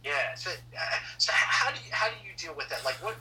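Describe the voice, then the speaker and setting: Male interviewer, very bright tone, faint background noise, mic a little far off. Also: a little high, expressive, quick pace. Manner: rambling, searching questions with many restarts. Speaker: podcast host. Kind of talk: casual interview questions.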